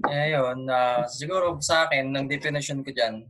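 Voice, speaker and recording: A man hosting a casual group chat, talking in a relaxed way and prompting the others to speak. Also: mid-range voice, moderate pace, background noise.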